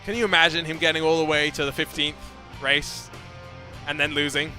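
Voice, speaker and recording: A man's voice: fairly high pitch, level tone, bright, forceful tone, soft background music. A man commentating a sim racing event live, joking with his co-host between races. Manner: quick, joking banter with co-host.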